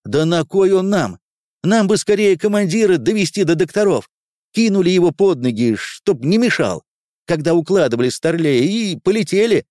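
A man's voice: sits high, sing-song, moderate pace, darkish tone, no room sound, clean studio sound, voice pushed up. Man doing a brash young scout sergeant.

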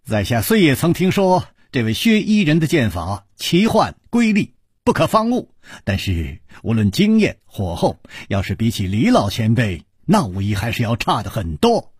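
A man voicing a calm, witty young male hero in radio storytelling, composed and lightly teasing. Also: medium pitch, moderate pace, breathy edge, no room sound, studio quality, heavily acted.

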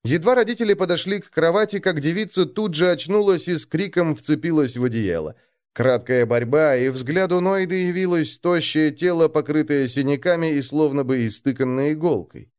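A man narrating a story as an expressive audiobook reader. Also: fairly high pitch, moderate pace.

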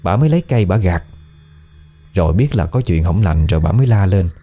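A man's voice: sits low, a little fast. A man with a Southern Vietnamese accent, telling a ghost story in a casual, conversational way. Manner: conversational, colloquial, lively storytelling. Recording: faint background music.

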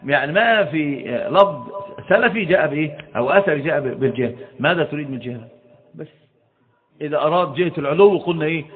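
A man giving a religious lecture, asking his listeners rhetorical questions and stalling often on repeated syllables. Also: on the high side. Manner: asks the audience rhetorical questions; frequent restarts and drawn-out hesitations. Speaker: Islamic lecturer. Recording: tinny phone-like audio.

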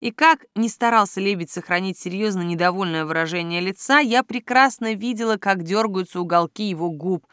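A woman's voice: mid-range voice, fairly quick, few pauses, fairly bright tone, smooth, dry recording, studio quality. A woman narrating a first-person audiobook with a playful, teasing manner.

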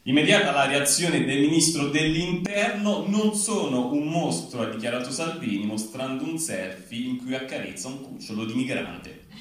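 On a live reading stage, a man with a medium-pitched, fairly bright voice reads a satirical news bulletin at normal speed, sounding animated. His newscaster delivery is emphatic and dips into each punchline. The large venue makes the recording very echoey and distant, with faint noise.

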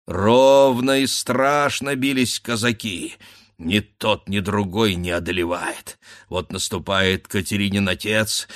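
A man's voice: lowish voice, fairly bright tone, no room sound, studio quality. A man narrating a classic story as a dramatic audiobook reading, telling the action with feeling. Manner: dramatic storytelling with voiced characters.

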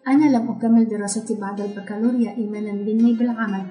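A man's voice: sits high, steady tone, very fast, warm tone, lightly acted. A woman voicing a stubborn, proud middle-aged husband who speaks firmly and with self-assurance. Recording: roomy echo, faint music.

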